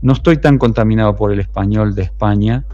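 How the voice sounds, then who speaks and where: A middle-aged Uruguayan street musician and songwriter, with a Uruguayan Spanish accent, tells his story in a relaxed, thoughtful interview, rambling and restarting his sentences often. His voice is on the low side and a little fast. The recording is dry and sounds dull and muffled.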